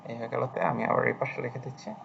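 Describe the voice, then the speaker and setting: A man's voice: mid-range voice, quick pace, vocal fry, a bit bright, lo-fi sound, slight background noise. A man teaching a language lesson on a screen recording, patiently repeating phrases as he writes out each stroke. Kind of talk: screen-recorded lesson, writing while explaining.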